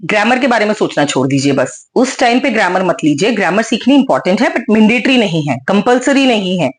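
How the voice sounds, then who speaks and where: A woman teaching English to beginners, talking in a lively, coaxing way and repeating simple examples again and again. Her pitch sits in a middle range for a woman. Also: brisk. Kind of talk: encouraging spoken lesson.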